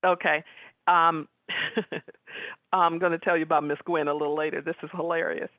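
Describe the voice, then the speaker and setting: A woman giving a webinar talk as guest speaker, chatting with the audience and pausing on fillers. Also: low voice, fairly even intonation, no echo. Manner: conversational, frequent fillers. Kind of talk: webinar presentation with audience questions. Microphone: video call. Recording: tinny phone-like line.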